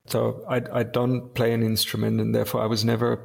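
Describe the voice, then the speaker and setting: A man in his fifties from Germany with a German accent, answering interview questions in a halting way with many restarts. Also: mid-range voice, completely flat delivery, gravelly. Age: 50s. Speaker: guest, industrial designer. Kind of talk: casual interview.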